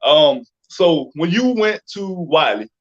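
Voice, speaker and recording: An American man with a fairly high voice hosts a casual interview, phrasing questions informally and working them out aloud. He's very animated yet speaks slowly. The lo-fi recording is dull and slightly muffled.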